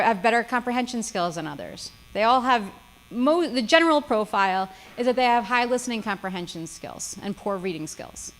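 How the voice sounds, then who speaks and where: A woman's voice: on the high side, a bit bright, poor audio. A woman lawyer giving a seminar lecture, with frequent "okay?" check-ins and dry sarcasm. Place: seminar room.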